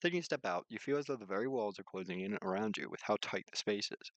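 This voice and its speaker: With a fairly low pitch and a quick pace, a video game streamer works through a visual novel, voicing the narration, chatting casually and occasionally tripping up and going back over lines. The recording carries no room sound.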